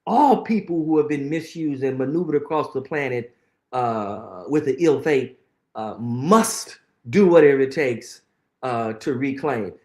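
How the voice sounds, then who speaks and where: Speaking unhurriedly in an expressive, mid-range voice with a darkish tone, a middle-aged interview guest earnestly reflects and tells stories, repeating phrases for weight. The sound is reverberant.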